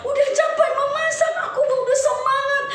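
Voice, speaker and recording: A woman voicing Esau, a grown son who wails high and sobs as he pleads for his father's blessing. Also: fairly even intonation, normal speed, fairly bright tone, a little hiss or hum. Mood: wailing. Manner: wailing, high and sobbing. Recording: echoey hall, mic far off.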